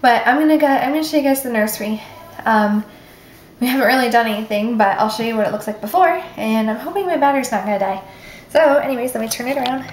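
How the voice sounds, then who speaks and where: A woman's voice: fairly high pitch, expressive, fast talker, a little hiss or hum. A young woman casually showing her spare room on a handheld camera, chatty and upbeat, a little out of breath. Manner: chatty, upbeat, lots of fillers. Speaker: vlogger. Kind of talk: casual home tour vlog. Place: spare room upstairs in a house.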